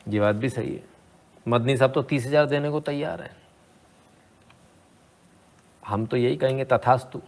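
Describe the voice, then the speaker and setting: A man's voice: mid-range voice, a little slow, gravelly, pauses often. A man commenting on debate clips in a sarcastic, rhetorical way, often asking the listener "hmm?". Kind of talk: opinionated video commentary.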